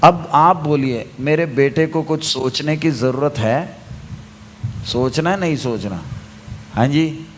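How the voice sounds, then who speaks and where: Male preacher, slightly high voice with faint background noise, unhurried and emphatic sermon delivery. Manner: asks the congregation questions and waits for answers; emphatic, repeats key phrases. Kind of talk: sermon to a congregation.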